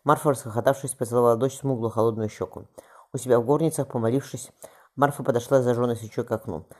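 A man's voice: mid-range voice, steady tone, fast talker. A man reading a historical novel aloud as an audiobook, plainly and with small slips. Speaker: audiobook reader. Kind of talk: audiobook narration.

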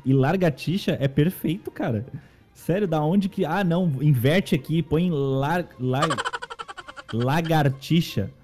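A man's voice: fairly high pitch, measured pace, a little mellow, faint music behind. A man with a Brazilian Portuguese accent co-hosting a casual comedic chat, joking and mock-indignant. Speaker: co-host.

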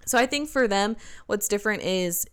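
A young woman co-hosting a podcast, telling a personal story in a lively, casual way and acting out what other people said. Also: mid-range voice, normal speed, clear, resonant tone. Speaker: podcast co-host. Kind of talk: casual chat.

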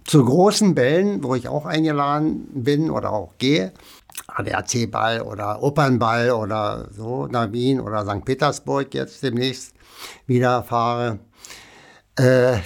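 A man's voice: medium pitch, vocal fry. A man, chatting casually as an interview guest and rambling with many fillers. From Berlin, Germany. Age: 80s.

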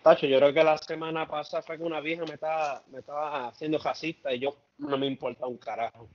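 A man in excitable casual chat. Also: fairly high pitch, fast talker, muffled recording.

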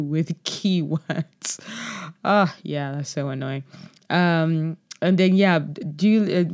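A woman's voice: deep voice, darkish tone. A woman hosting a talk show, casually reading audience replies aloud and adding chatty, ranting asides. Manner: chatty, drifts into rants and playful asides. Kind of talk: casual solo commentary reading chat replies.

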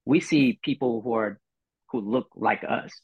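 Speaking at a measured pace, a man with a medium-pitched, creaky, husky voice rambles through a casual podcast chat, dropping lots of fillers. He's an easygoing Filipino in his twenties. The audio is dry and dull, with a little music faintly audible.

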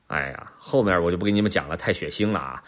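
A man's voice: sits low, rapid-fire. A man, a father, telling an idiom story to his children and explaining it in a playful, teasing way.

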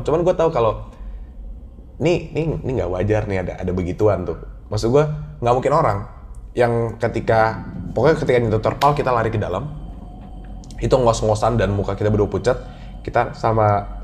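Pria bercerita horor dengan logat Jakarta. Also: male voice, mid-range voice, slight background noise. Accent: Jakarta slang. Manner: animated storytelling, acts out his own childhood voice. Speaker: guest storyteller. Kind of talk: casual podcast chat, telling a ghost story.

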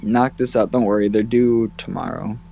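A man's voice: fairly low pitch, normal speed, gravelly, mellow, slight background noise. A young man co-hosting a casual podcast chat, talking loosely and swearing, easily exasperated by interruptions. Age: young adult. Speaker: podcast co-host.

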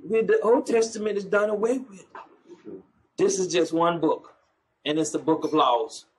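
A man's voice: high voice, normal speed, slight background noise, poor audio. A man preaching in the street, mocking churchgoers and calling for the next verse to be read. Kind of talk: street preaching with scripture reading.

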